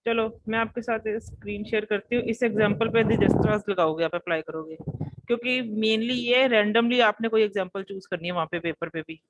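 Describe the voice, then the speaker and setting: A woman teacher taking attendance and lecturing in an online class over a video call, in a brisk, businesslike way. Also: mid-range voice, a little hiss or hum, low-quality recording.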